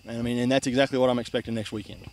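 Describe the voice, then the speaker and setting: A young high school soccer coach gives a postgame interview outdoors at night by a river, soaking wet from a celebratory jump. His mid-range voice is steady and a little mellow, and he races along earnestly with many restarts and "I mean."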